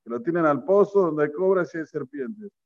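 Animated man teaching Torah. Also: sits high, moderate pace. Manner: animated, fires rhetorical questions, repeats phrases for emphasis. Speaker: rabbi teaching. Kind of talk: Torah class sermon. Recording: slightly dull lo-fi recording.

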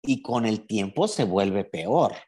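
A man talks in a relaxed conversation. He is thoughtful and explains his ideas patiently, often acting out what other people would say. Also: fairly low pitch, slow. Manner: reflective, explanatory, voices imagined speech. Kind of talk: casual conversation.

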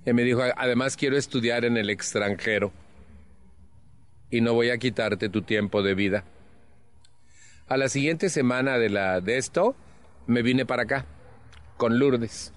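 A man in his seventies with a Mexican accent gives a personal recovery testimony to a support group, earnest and animated, with frank slang. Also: mid-range voice, unhurried, pauses often. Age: 70s. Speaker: Al-Anon speaker.

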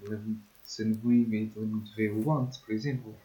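A man's voice: lowish voice, steady tone, brisk, dark tone, low-quality recording. A man in his twenties with a European Portuguese accent, chatting casually and informally with slang and swearing as a podcast co-host. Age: 20s. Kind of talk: casual chat.

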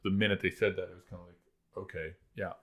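A man with a very deep voice, guesting on a podcast. He rambles through his thoughts, restarting sentences and leaning on fillers in relaxed chat. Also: fast. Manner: rambling, restarts often, uses lots of filler.

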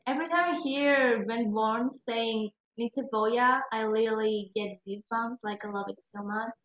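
A woman chatting excitedly on a podcast, exclaiming often. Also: fairly high pitch, moderate pace, recorded from a distance. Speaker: podcast co-host. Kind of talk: casual chat. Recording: echoey, dull lo-fi recording.

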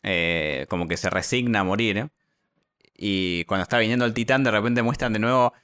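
A man's voice: fairly low pitch, moderate pace, fairly bright tone, no room sound, studio quality. A man with an Argentine accent, chatting casually and recapping a story with many fillers and restarts. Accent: Argentine Spanish. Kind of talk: casual chat.

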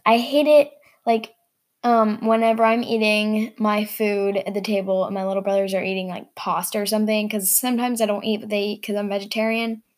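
A woman's voice: medium pitch, little pitch movement, a little fast. A young woman hosting a casual vlog, chatting in an upbeat, rambling way with lots of fillers. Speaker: vlog host.

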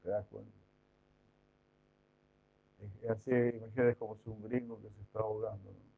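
A man's voice: fairly low pitch, flat delivery, moderate pace, vocal fry. A man giving an informal devotional lecture, chatty, full of rhetorical questions and mock imitations. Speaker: devotional preacher. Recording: tinny phone-like sound.

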